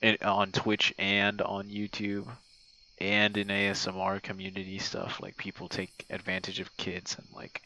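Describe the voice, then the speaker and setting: Deep-voiced and monotone, a game streamer and online audio creator speaks unhurriedly with a pushed, bright tone. Like a voice message to a friend, his casual monologue is hesitant and meandering, with easy swearing. The rough recording captures crickets and insect sounds from an outdoor night.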